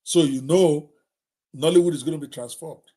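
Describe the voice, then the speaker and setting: Middle-aged Nigerian male host, emphatic, repeats points, talks straight to viewers, pitched on the high side. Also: normal speed, dark tone. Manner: emphatic, repetitive, direct address to viewers. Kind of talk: live talk on technology.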